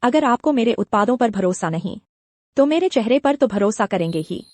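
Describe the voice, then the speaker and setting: A clever young village woman who speaks calmly and persuasively. Her voice is slightly high, and the recording is dry and close. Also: moderate pace, no room sound. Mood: confident. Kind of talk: dubbed drama acting.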